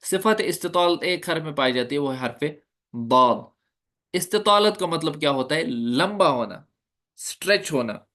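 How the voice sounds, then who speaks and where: Male teacher, classroom lecture, step-by-step explaining, fairly high pitch. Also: animated, moderate pace, a bit bright. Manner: explains step by step, asks the class questions, then demonstrates the sounds. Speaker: Quran recitation teacher.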